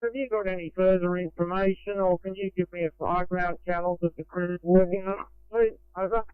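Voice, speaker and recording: A man's voice: sits high, fairly even intonation, fairly quick, smooth, dry recording. A man in the field reporting in procedural emergency radio protocol over a crackly walkie-talkie. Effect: crackly walkie-talkie radio transmission. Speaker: emergency crew member in the field. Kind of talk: emergency two-way radio communication. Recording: crackly, narrow-band two-way radio.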